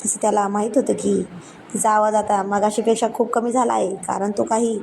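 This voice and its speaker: Woman narrating a romance, mellow voice. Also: mid-range voice, level tone, vocal fry, slight background noise, rough recording. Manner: unhurried, with frequent restarts. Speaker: storyteller.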